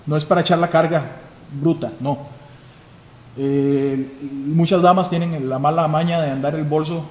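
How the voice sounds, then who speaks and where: A Costa Rican police chief with a Costa Rican Spanish accent gives a live security seminar in a slightly high, somewhat mellow voice, fairly even in intonation and at a moderate pace. His manner is instructive, posing questions and then answering them himself. The hall is echoey, with faint noise.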